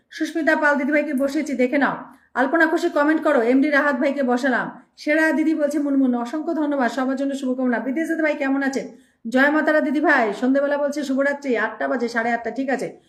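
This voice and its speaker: A woman's voice: high-pitched, echoey room. A woman hosting a live stream, reading out viewer names and thanking them one after another in speech.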